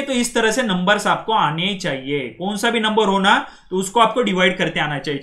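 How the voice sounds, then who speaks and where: A man gives a classroom lesson. His voice is bright and sits a little high. He drills numbers slowly and keeps checking that the class follows. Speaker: language teacher. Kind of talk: classroom lecture.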